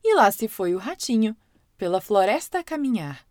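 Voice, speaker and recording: A woman with a Brazilian Portuguese accent narrating a children's story as host of a story podcast, in a lively, expressive way. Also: mid-range voice, normal speed, dry recording, studio quality. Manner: lively, expressive, warm-hearted.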